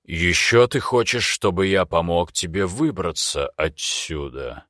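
A man voicing a cunning, imperious male demon with a slow, drawn-out, purring delivery. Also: deep voice, animated, a bit bright, dry recording, clean studio sound. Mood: sly.

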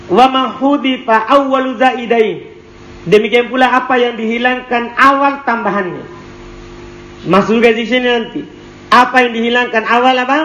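A man's voice: very high-pitched, a bit bright. Male teacher in an echoey classroom with faint noise, reading a text and drilling students with questions. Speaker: teacher of Arabic morphology. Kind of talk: classroom lesson with call-and-response.

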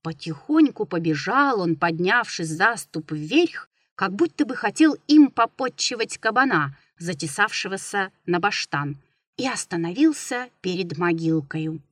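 Woman narrator, storybook reading, slow, dry close sound, expressive. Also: medium pitch, no echo.

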